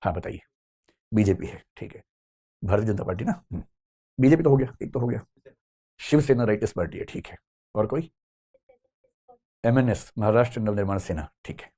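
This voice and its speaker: A man's voice: fairly low pitch, animated, normal speed, long pauses, dark tone, breathy edge. A middle-aged man giving a conversational classroom lecture, asking the students questions as he goes. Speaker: teacher.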